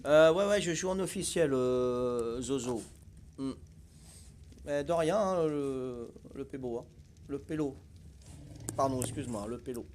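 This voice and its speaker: A man's voice: medium pitch, slow pace, long pauses, a little mellow. Older guy streaming a survival game, chatty, lots of ums and tag words, faint hiss behind. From Corsica. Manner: chatty, folksy, full of hesitations and tag words. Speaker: gaming streamer. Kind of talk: casual live gameplay commentary.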